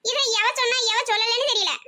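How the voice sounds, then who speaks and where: A woman's voice: very high voice, quick pace, pushed and bright, full character voice. A woman playing a harried village wife who scolds and complains in a southern Tamil village dialect. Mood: complaining. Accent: southern Tamil Nadu village dialect. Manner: scolding, exasperated. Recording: noisy background hiss.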